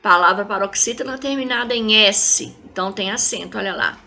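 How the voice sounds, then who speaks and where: A woman from Brazil giving a recorded lesson to children, patient, stopping often to check in with her pupils and drawing out words slowly as she models them. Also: medium pitch, gravelly, sharp tone. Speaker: teacher.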